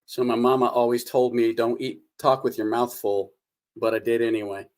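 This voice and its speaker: A middle-aged man hosting a casual cooking vlog, talking in a relaxed, folksy way with many fillers, filming on a phone he holds. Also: mid-range voice, normal speed. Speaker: fan forum founder and video host. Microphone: phone held by the speaker.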